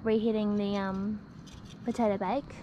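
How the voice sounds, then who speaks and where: A young Australian woman vlogs a camping trip at a beach campsite, chatty and upbeat with casual slang. Her mid-range voice has a level tone and moderate pace, and the outdoor camera audio is dull with clear background noise.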